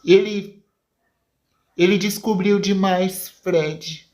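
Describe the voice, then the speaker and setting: A woman voicing a scheming villainous mother who plots in a low, hushed, deliberate voice. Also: steady tone.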